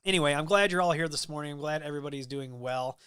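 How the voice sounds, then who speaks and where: Reading viewer comments on a casual live stream, a man from the American Midwest rambles along with frequent ums and restarts in a Midwestern accent. He talks fast in a fairly high, fairly bright, smooth voice, with studio quality and no room sound.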